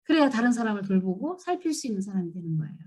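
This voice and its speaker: A woman giving a church seminar lecture, telling stories and acting out scolding lines in an animated way. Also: medium pitch, rapid-fire. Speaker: seminar speaker.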